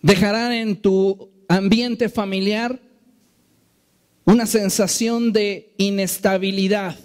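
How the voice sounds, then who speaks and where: A male pastor with a fairly high voice preaches a sermon in his church. He talks in an earnest, measured way and drags out the phrases he wants to stress. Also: steady tone, darkish tone. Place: church sanctuary.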